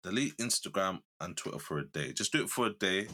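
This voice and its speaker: Bright, low-voiced young London man. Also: brisk. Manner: slangy, animated, emphatic. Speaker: podcast co-host. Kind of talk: casual podcast banter.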